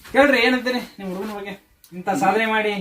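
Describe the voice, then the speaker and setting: A man with a North Karnataka Kannada accent hosting a spoof talk show in a comic sketch, with quick, mock-formal welcomes. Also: high voice, steady tone, a bit bright.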